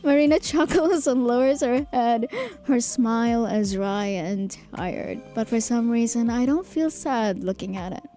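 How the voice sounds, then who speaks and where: A young woman streamer reading a visual novel aloud in a soft, hesitant, apologetic way. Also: fairly high pitch, a little slow, faint music behind. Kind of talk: reading game dialogue and first-person narration aloud.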